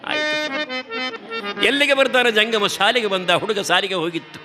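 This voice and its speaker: A man's voice: high voice, expressive, brisk, pushed and bright. A man giving a devotional storytelling discourse in a rhythmic, dramatic narration. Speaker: religious storyteller. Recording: accordion music behind the voice.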